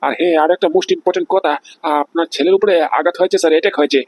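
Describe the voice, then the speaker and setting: A man acts out a nervous, polite employee with a husky voice. He hurries through his report, fumbling and deferential. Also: sits high, steady tone, racing, a little mellow. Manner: polite, fumbling, addresses boss as sir.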